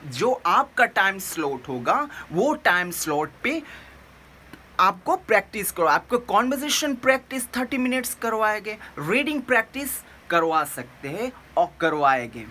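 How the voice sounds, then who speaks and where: A woman's voice: medium pitch, sing-song, moderate pace, bright, forceful tone, poor audio. A woman giving an earnest lesson as a teacher, repeating her points and correcting herself as she goes. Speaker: English teacher, runs a tutoring organization. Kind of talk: video lesson with tips.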